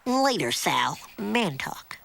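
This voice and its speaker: An actor playing a cocky, laid-back teen hero in a cartoon, breezy and slangy. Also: male voice, high voice, sing-song, takes it slowly, gravelly, sharp tone, slight background noise, exaggerated voice. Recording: cartoon soundtrack with music behind.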